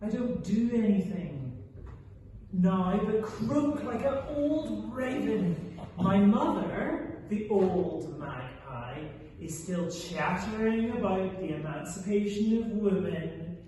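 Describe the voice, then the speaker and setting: Man reading as a slow, sardonic country gentleman, echoey hall. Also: sits high, lively intonation. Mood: bitter, scornful. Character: bitter, idle middle-aged Russian country gentleman. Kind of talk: stage play read aloud from a script. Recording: echoey hall from far off, faint noise.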